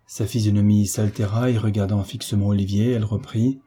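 A man narrating a classic novel aloud in measured, expressive storytelling. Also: lowish voice, breathy edge. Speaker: audiobook narrator.

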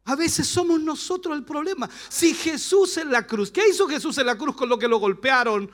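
A middle-aged man with a Chilean accent, preaching a sermon as pastor, passionate and rising to shouts. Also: very high-pitched, animated, moderate pace.

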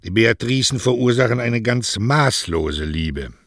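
A man voicing an older poet who speaks slowly and heavily in a radio reading. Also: mid-range voice, animated, a bit bright, no echo, studio quality. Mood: dry. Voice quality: sluggish, heavy speech. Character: slow-spoken older male poet.

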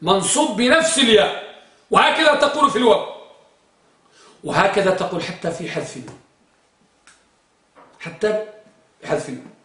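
A man's voice: sits high, expressive, moderate pace, long pauses, sharp tone. A man teaching a grammar class, quizzing his students and repeating their answers. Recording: echoey room, far from the mic.

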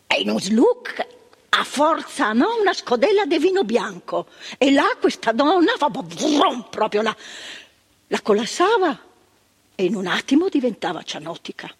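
A monologue performer voices an older former asylum ward worker, indignant as she relives her memories. Her husky voice sits on the high side, and she moves between hushed, vivid narration and emphatic bursts.

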